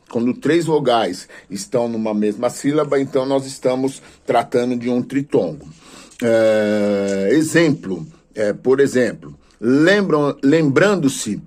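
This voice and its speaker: A man gives a church-based grammar lesson, his voice sitting at an ordinary middle pitch. He hesitates often, filling gaps with drawn-out sounds, then explains each point in a patient, teacherly way. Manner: hesitant, many filler sounds and restarts, then steady explaining. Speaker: teacher of Portuguese for a theology course. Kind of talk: classroom lesson with prayerful asides.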